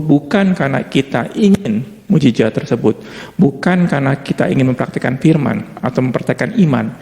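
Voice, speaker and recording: Preaching man with gravelly voice in reverberant hall. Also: mid-range voice, dark tone. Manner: preaching with dramatic swings, acting out quoted voices. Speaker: pastor. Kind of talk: sermon.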